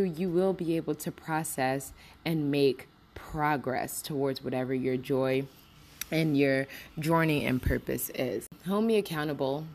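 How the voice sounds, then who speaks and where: A woman's voice: sits low, darkish tone. A woman hosting a motivational podcast, talking in an upbeat, encouraging way with frequent laughs, recorded muffled under a blanket. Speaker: podcast host.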